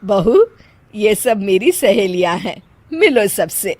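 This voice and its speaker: A woman's voice: medium pitch, very animated, slow, darkish tone, dry recording. A woman voicing a stern older mother-in-law in a cartoon story who scolds in a raised voice. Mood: bossy.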